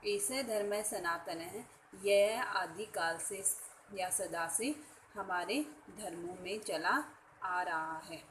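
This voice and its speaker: A woman teaching a class, slowly explaining each verse word by word with its meaning. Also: fairly low pitch, a little hiss or hum, rough recording. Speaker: Sanskrit teacher.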